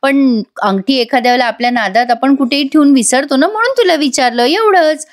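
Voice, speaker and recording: Woman narrator as a meek, polite young wife; gentle and high. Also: animated, brisk. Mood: placating. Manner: polite, placating.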